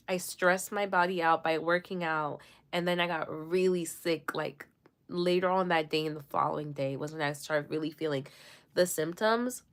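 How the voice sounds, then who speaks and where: Her pitch fairly low, this young woman from Jamaica, who has no accent, hosts a livestream. She rambles casually, filler after filler, as she does her makeup.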